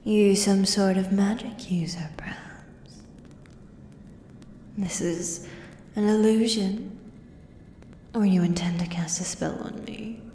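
A woman's voice: mid-range voice, steady tone, slow, pauses often, dark tone, close to an everyday voice. A woman in an ASMR role-play, voicing a menacing female axe-wielding beast with a predatory, taunting beast-man drawl. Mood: amused, probing. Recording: echoey cavern-like reverb, audible background noise.

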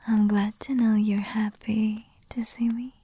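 A woman whispering softly in an intimate, soothing ASMR roleplay as a queen. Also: medium pitch, flat delivery, measured pace, breathy edge, low-quality recording. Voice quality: soft whisper. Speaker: ASMR performer.

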